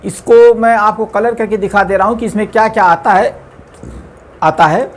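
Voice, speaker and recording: A man's voice: sits high, steady tone, moderate pace. A man teaching an English grammar lesson, explaining patiently with many repetitions and fillers.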